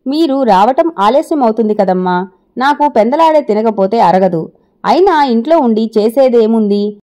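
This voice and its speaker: A woman's voice: fairly high pitch, expressive, moderate pace, dark tone, lightly acted. A woman voicing a frail, self-effacing elderly father in an audio story, speaking weakly and tiredly. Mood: weary, gentle. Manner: weak, tired delivery.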